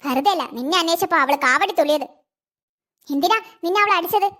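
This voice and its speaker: A woman voicing a doting, protective old grandmother in an animated cartoon, tender with the child and sharp about others. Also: extremely high pitch, quick pace. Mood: tender, indignant. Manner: tender with the child, scolding toward her daughter-in-law.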